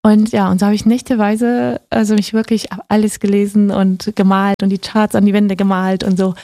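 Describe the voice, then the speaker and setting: A woman's voice: mid-range voice, little pitch movement, brisk, warm tone, no echo. A woman guest on a radio talk show who tells her story with enthusiasm, often agreeing with "genau". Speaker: podcast guest, investor. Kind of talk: casual radio interview.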